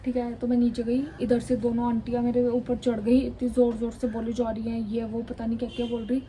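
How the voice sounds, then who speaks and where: A woman's voice: a little high, completely flat delivery, fairly quick, mellow, a little hiss or hum, low-quality recording. Indignant woman vlogger from Chandigarh. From Chandigarh, India. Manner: indignant, emphatic retelling with many repetitions. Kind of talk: storytime vlog.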